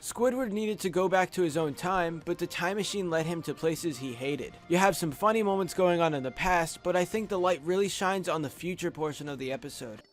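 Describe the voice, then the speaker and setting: Brisk and with few pauses, a young adult man's voice sits high as he presents a scripted top-five countdown for video. Soft background music accompanies him, and he's recorded up close on a USB studio mic.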